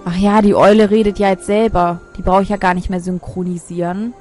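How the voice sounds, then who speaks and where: A woman narrating her gameplay in a relaxed, chatty way, reading on-screen text aloud and muttering asides as she goes. Her voice sits at an ordinary pitch, with faint game music in the background. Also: fairly quick. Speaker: let's player. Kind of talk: casual gameplay commentary.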